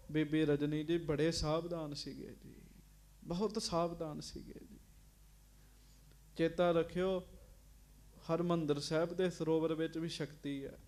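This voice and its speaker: A woman's voice: deep voice, mellow. A woman giving a Sikh katha sermon, explaining scripture verse by verse and calling out to the congregation. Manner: acts out a heroine's angry cries in the story. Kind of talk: Punjabi religious storytelling sermon.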